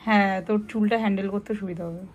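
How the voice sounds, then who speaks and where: A woman's voice: mid-range voice, steady tone, racing, slightly rough, lo-fi sound. A young woman chatting casually to camera in a vlog, confiding and talkative. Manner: chatty, confiding, speaking softly while eating. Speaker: vlogger.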